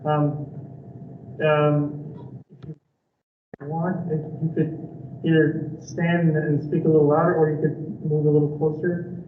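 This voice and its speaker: A man's voice: on the high side, flat delivery, measured pace, pauses often, far from the mic, slight background noise. Easygoing man in an echoey room. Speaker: school board member running the meeting. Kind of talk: meeting discussion. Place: school district boardroom. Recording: echoey room, tinny audio.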